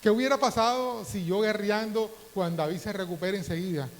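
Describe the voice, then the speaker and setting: A man's voice: high voice, brisk. A middle-aged man, a pastor from the Dominican Republic, preaching a sermon and telling personal stories with rising emotion. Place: church hall. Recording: faint hiss, long church reverb.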